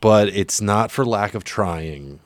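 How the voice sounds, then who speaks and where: A man with a low voice hosts a podcast out in an open natural area. His talk is laid-back and slangy, and the sound is dry, with no room echo. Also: expressive, slow. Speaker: podcast host. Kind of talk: casual podcast chat.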